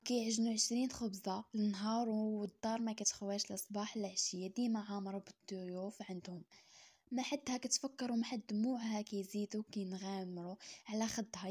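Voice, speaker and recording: A woman's voice: mid-range voice, dark tone, breathy edge. A woman with a Moroccan accent narrating a dramatic story, often slipping into a whisper.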